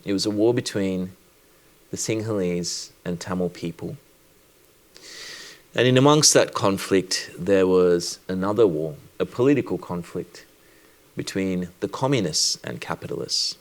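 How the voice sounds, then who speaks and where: A deep-voiced Sri Lankan doctor gives a personal talk at a conference. His pace is measured and reflective, broken up by deliberate pauses.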